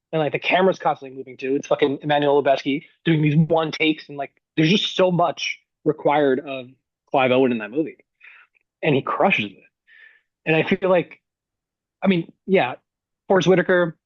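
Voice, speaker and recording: A man guesting on a podcast, chatting about film awards in an opinionated, animated way and swearing casually. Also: a little high, no room sound, muffled recording.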